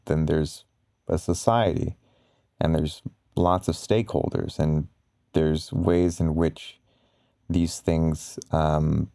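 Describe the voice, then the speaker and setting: A man giving slow bedtime pillow talk in an ASMR style, explaining ideas in a halting, rambling, casual way with frequent pauses. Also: very deep voice, gravelly, warm tone, dry recording, studio quality. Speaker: ASMR content creator.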